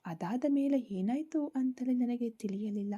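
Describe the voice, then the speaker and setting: Woman voicing a gentle reassuring young husband. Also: a little high, a little slow, slightly rough, lo-fi sound. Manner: soft, calming.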